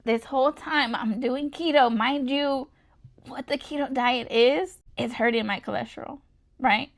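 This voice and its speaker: A young woman vlogging at home, talking in a rambling, animated way and filling her talk with "like" and "you know.". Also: high-pitched, a little slow. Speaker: beauty vlogger. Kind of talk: chatty get-ready-with-me vlog.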